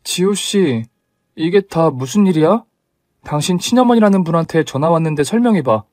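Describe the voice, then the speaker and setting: A man voicing a sharp, indignant young woman who scolds her fiancé in a storybook tale. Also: medium pitch, lively intonation, normal speed, dry recording, studio quality, lightly acted. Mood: demanding. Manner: scolding, demanding.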